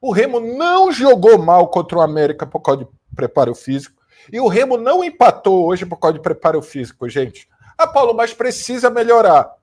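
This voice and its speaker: A Brazilian man fires off a post-match football rant from his room. His voice sits high, and he hammers each point home bluntly, repeating lines and swearing now and then. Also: sing-song, fairly quick, a little mellow. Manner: emphatic, repetitive, blunt with mild swearing. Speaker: football commentator, channel host. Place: home room with a fan running, new studio being set up.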